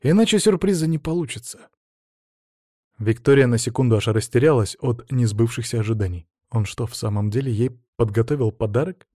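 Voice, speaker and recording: A man narrating a fantasy romance audiobook in an even storytelling manner. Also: medium pitch, fairly quick, hardly any pauses, no room sound, clean studio sound. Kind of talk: scripted narration.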